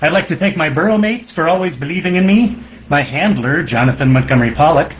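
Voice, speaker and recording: A man voicing an earnest, cheerful male groundhog who gushes with humble excitement during puppet banter on a live stream. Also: on the high side, fast, a little hiss or hum, natural voice, rough recording. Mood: delighted.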